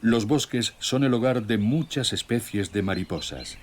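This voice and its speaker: A man narrating a scripted nature documentary in a measured, solemn storytelling way. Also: lowish voice. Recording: music bed with nature sounds. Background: music, birdsong and nature sounds.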